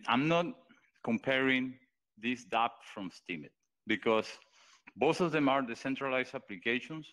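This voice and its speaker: A man's voice: mid-range voice, a bit bright, rough recording. A man presenting his post on a live voice chat, earnest and hesitant, with many fillers and restarts. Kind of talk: casual pitch on a live voice chat.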